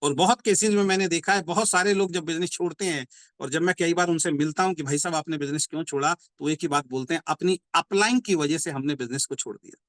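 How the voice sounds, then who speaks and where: A man giving a motivational business training talk. He explains by repeating points and asking rhetorical questions, and says key slogans slowly. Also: on the high side, a bit bright, dry recording. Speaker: network marketing trainer.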